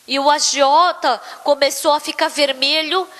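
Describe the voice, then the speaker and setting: A woman's voice: high-pitched, moderate pace. A woman telling a story as part of a sermon in a church, acting out the quotes with energy. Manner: lively, acts out quotes. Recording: long church hall reverb.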